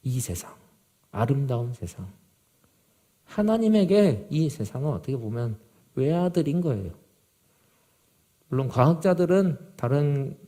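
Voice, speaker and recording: Addressing a youth group, a male pastor delivers a sermon that shifts from urgent, loud stress to a hushed, grave tone.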